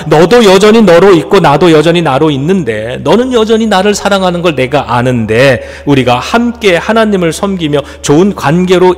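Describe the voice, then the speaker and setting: A male pastor voicing a gentle male spiritual teacher who consoles a disciple in soft, quiet, slow speech. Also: a little high, lightly acted. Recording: long reverb in a church hall.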